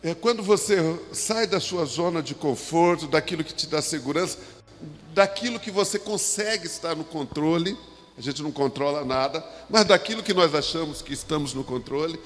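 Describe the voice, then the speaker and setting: A man with a Brazilian Portuguese accent preaching a sermon as a pastor in a church, talking in a halting way with restarts and asides. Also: fairly high pitch, lively intonation. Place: church sanctuary. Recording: long hall reverb.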